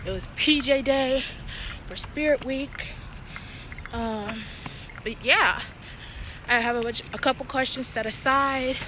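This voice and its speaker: A teenage girl films a casual intro while walking home outdoors. Her voice sits somewhat high for a girl, and traffic and street noise are clearly heard behind her. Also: takes it slowly, long pauses. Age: teens, fifteen. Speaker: vlogger.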